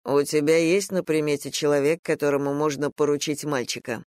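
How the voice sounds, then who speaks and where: Reader doing a grave warrior guy, lower and slower, firm and protective, dry close sound. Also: flat delivery, no room sound, close to an everyday voice. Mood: urgent. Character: stern grown male warrior, protective brother.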